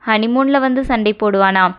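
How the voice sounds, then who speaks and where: A woman voicing a caring, older-sister friend who coaxes and gently scolds, read in an audio novel. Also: on the high side, moderate pace, clean tone, lightly acted. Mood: coaxing. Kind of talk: audio novel character reading. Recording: dull lo-fi recording.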